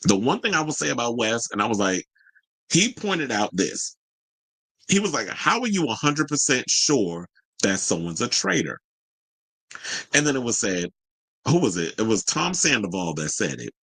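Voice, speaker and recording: A man's voice: medium pitch, very animated, moderate pace, a bit bright, breathy edge, no room sound, rough recording. A man giving casual reaction commentary in a colloquial way, retelling what people said and acting out their quotes. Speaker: commentator recapping a reality show and reading viewer reactions.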